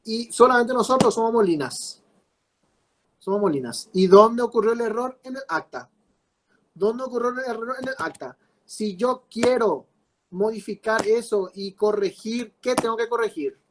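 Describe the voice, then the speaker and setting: A man's voice: very high-pitched, moderate pace, poor audio. A man teaching a class, explaining with repeated rhetorical questions. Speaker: law teacher. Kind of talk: class lecture.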